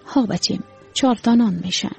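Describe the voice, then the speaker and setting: A woman's voice: on the high side, creaky, slightly rough, soft background music, full character voice. A woman voicing a tired, proud old banana seller with an Afghan Dari accent. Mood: weary. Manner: weary, gentle, street-hawker calls.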